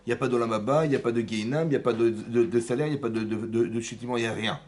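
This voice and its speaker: A man teaching a Torah class in a synagogue, lively and often checking in with his listeners. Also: medium pitch, rapid-fire, a little hiss or hum. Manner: lively, asks frequent check-in questions, mixes Hebrew terms. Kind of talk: animated Torah lesson with questions to the audience.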